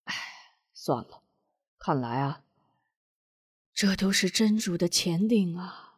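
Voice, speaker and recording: A woman's voice: on the low side, slow pace, no room sound, clean studio sound. A woman doing a weary, sighing old father. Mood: resigned. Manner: heavy sighs, weary. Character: older man, resigned and sorrowful father.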